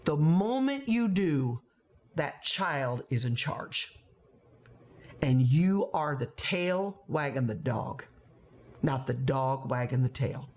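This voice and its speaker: A woman's voice: extremely low pitch, big pitch swings, takes it slowly, a little mellow. A woman in her fifties, a veteran teacher, giving classroom advice straight to camera, emphatic and repeating words for stress. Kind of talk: direct-to-camera teaching talk.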